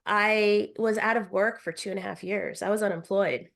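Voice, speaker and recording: A middle-aged American woman, a travel writer guest, telling stories in an animated way with frequent fillers. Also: mid-range voice, moderate pace, gravelly. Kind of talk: casual interview chat.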